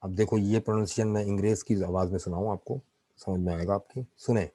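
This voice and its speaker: A man gives an online literature lecture in a low, mellow voice. He speaks at an unhurried pace, dropping in English terms and pausing to check that his students follow. The sound is close and dry. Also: fairly even intonation, no room sound, rough recording. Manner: explanatory, keeps checking in with students. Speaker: literature teacher.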